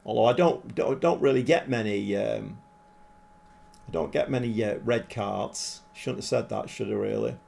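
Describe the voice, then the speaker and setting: On a live stream of a football management game, a man talks casually with viewers, teasing himself and getting excited in a flash. His voice is fairly low and creaky, and there's slight background noise.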